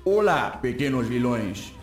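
A man's voice: medium pitch, sing-song, a little slow. A man voicing a gleefully wicked villain-school headmaster, grand and theatrical, in a children's comedy story. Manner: grand, mock-sinister, theatrical speech-making. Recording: roomy echo, music behind.

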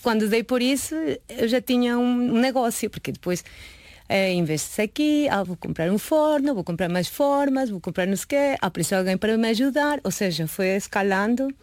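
Expressive and brisk, this late-thirties woman from Mexico speaks in a high-leaning, darkish voice captured on a dry recording. A native Spanish speaker and pastry chef, she's an interview guest telling casual autobiographical stories, chatting informally and acting out reported conversations.

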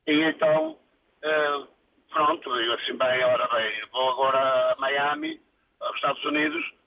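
A man's voice: on the high side, huge pitch swings, measured pace, gravelly, sharp tone, poor audio. A man from Portugal, a truck driver calling in to a radio show, talking casually and often stumbling over repeated words. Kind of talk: casual phone-in chat.

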